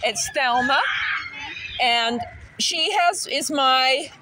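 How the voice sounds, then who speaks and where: A woman's voice: high-pitched, drawn-out words, raised voice, noisy background. A woman in her sixties rambling outdoors, laughing often and chatting to her dogs. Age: 60s. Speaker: vlogger talking to children.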